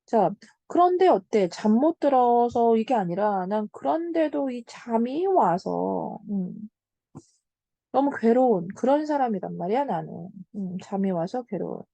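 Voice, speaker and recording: A young woman with a fairly high, mellow voice gives an online literature lesson. She explains patiently, checks in with her student and slows down on key terms. The sound is close and dry. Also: lively intonation, vocal fry, no room sound, lo-fi sound. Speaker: Korean literature tutor. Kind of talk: online lecture.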